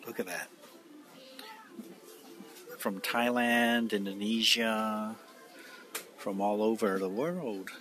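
A man's voice: on the low side, slow pace, long pauses, fairly bright tone, soft background music. A middle-aged man vlogging on his phone while walking through a large supermarket, amazed and rambling with fillers. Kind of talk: casual walkthrough vlog. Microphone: phone held while walking. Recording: noisy phone recording in store. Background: store ambience.

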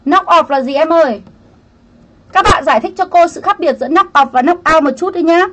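A woman's voice: very high voice, fairly quick, a bit bright. A woman teaching an English grammar lesson on a livestream, chatty, greeting viewers by name and explaining each answer option.

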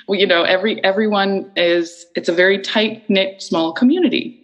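A woman's voice: medium pitch, fairly even intonation, normal speed, muffled recording. A middle-aged woman from Iceland, an interview guest talking thoughtfully and searching for her words. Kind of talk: reflective conversational interview.

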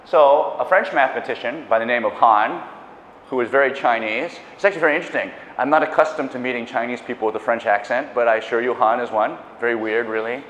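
Talking fast at medium pitch, a middle-aged lecturer presents public mathematics on a lapel microphone amid a faint hiss or hum. He's animated and chatty, pacing the stage, gesturing, and slipping in asides and self-corrections. Echo from the lecture hall leaves the sound dull.

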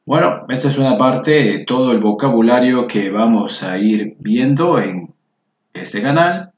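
A man with an expressive, medium-pitched voice calmly spells out Spanish word forms one by one as he narrates a slow lesson over his screen. The recording comes across as roomy, dull and lo-fi.

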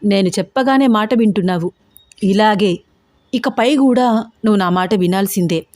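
A woman's voice: medium pitch, darkish tone, dry recording, studio quality, lightly acted. A woman voicing a menacing middle-aged male gang boss who sneers and gives orders in a storybook reading. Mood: sneering taunting. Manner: sneering, commanding, slow and taunting.

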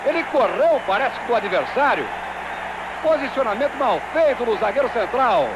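Very high-pitched Brazilian man, explosive football commentary. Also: animated. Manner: explosive, drawn-out goal calls. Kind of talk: live football play-by-play commentary. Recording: old TV broadcast, loud stadium noise. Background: loud stadium crowd.

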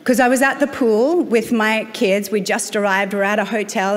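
An Australian woman pastor preaching a sermon, telling stories with self-deprecating humor. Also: fairly high pitch. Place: church auditorium. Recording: long reverb of a large hall.

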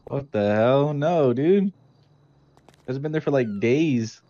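A man's voice: medium pitch, animated, slow, mellow, dry recording. A man in casual game role-play as a burger shop worker, talking in laid-back, dude-heavy slang. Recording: slightly dull, lo-fi voice chat.

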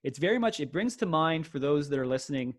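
A podcast host in his forties runs a friendly interview over a video call, talking fast and eagerly with many fillers. His voice is fairly high and animated, with no echo.

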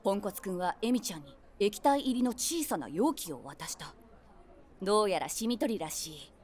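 A woman performs a scripted comedic inner monologue as a nosy, wry 46-year-old eavesdropper with a wild imagination, offering deadpan, teasing asides in an amused, observing mood. Her mid-range voice moves at normal speed and sounds close to everyday speech, with music playing behind it.

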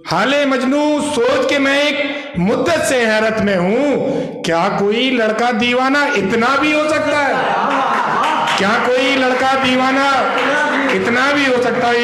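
A young man on a small stage reciting ghazal couplets into a stand mic, repeating each line slowly for effect. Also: high voice, fairly bright tone. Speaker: poet performing ghazals. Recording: echoey hall, audience crowd.

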